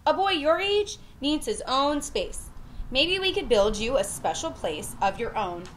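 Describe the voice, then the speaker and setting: A woman in her thirties reads a children's picture book aloud on a covered porch with patio furniture, recorded from a few feet away with the porch's ambient noise in the background. Her voice sits high and sounds sing-song, unhurried, and fairly bright as she gives a storybook read-aloud, delivering the letters in character.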